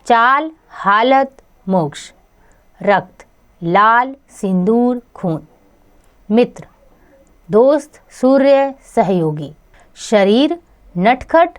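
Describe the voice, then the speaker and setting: Slow, lively woman teacher reading words. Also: fairly high pitch. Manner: slow, measured word-by-word dictation. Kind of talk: reading a word list to children.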